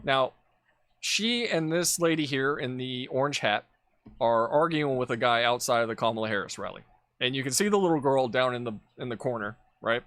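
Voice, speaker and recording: A man's voice: medium pitch, lively intonation, normal speed, a bit bright, no room sound. A man giving casual commentary over video clips, blunt and profane, ranting with exasperation. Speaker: political commentator.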